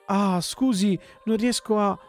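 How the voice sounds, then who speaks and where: A man doing Emil, a scared high boy. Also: slow, faint music behind. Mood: apologetic. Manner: timid, apologetic, pleading. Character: frightened blindfolded young boy captive.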